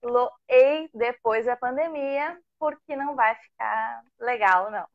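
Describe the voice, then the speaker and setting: A woman's voice: on the high side, unhurried, no echo. Casual woman hosting a live chat. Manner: relaxed, conversational, asks questions. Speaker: host interviewing a teacher. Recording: dull lo-fi live stream audio.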